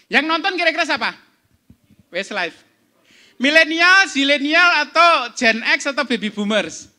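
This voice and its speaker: A man's voice: very high voice, bright, forceful tone. A middle-aged man giving a seminar talk, quizzing the audience as he goes. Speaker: speaker at an entrepreneurship seminar. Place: event hall.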